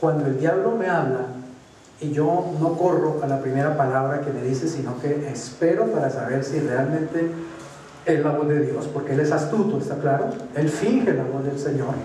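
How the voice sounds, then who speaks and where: Man, Colombian accent, pastor preaching, conversational, slightly high voice, echoey church hall, distant mic. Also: moderate pace, warm tone, slight background noise. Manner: conversational, asks for assent, acts out voices. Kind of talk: sermon.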